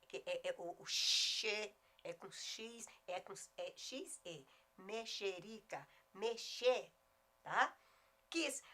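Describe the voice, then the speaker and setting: A middle-aged woman with a Goiás Brazilian accent teaching a video lesson on spelling, emphatic and often slowing down to spell words out. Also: medium pitch, pushed and bright. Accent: Goiás Brazilian Portuguese. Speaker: Portuguese teacher.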